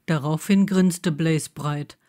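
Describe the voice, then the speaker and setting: A woman reads a romance story aloud at a very slow, deliberate pace. Her voice sits fairly low, and the delivery stays measured and intimate throughout. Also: warm tone. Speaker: audiobook narrator. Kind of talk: scripted audiobook narration.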